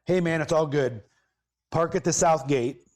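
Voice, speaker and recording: A man, hosting a podcast and telling a long casual story, rambling and correcting himself as he goes, with lively bursts of emphasis. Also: fairly high pitch, measured pace. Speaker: podcast host.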